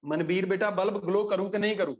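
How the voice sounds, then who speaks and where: A man's voice: high voice, brisk. Punjabi guy teaching a class, keeps asking students stuff, kinda muffled recording. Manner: quizzes students by name, repeats points. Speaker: physics teacher. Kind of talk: classroom lecture.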